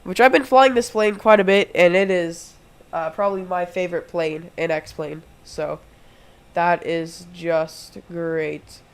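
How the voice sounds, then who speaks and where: A young man with a high, smooth voice speaks unhurriedly with fairly even intonation. He's congested and sick with a throat infection, streaming from home and talking through each step of a flight simulator session into his desk mic as casual live play-by-play.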